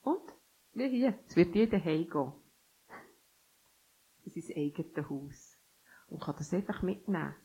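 A woman's voice: lowish voice, lively intonation, measured pace, long pauses, warm tone, husky, dull audio. A woman preaching a sermon who reads scripture and urges listeners, with sudden emphatic bursts.

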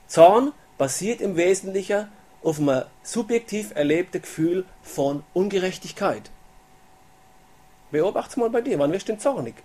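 Guy preaching, high voice, chatty, keeps asking oder?. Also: darkish tone, slightly rough. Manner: chatty, asks the listeners "oder?" often; acts out voices of people in the Bible story. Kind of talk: casual sermon.

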